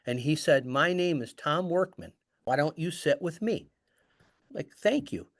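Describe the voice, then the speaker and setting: A man's voice: fairly high pitch, unhurried, no room sound, studio quality. A middle-aged man casually telling a story, acting out the dialogue as he goes. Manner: animated, acts out dialogue. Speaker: guest storyteller.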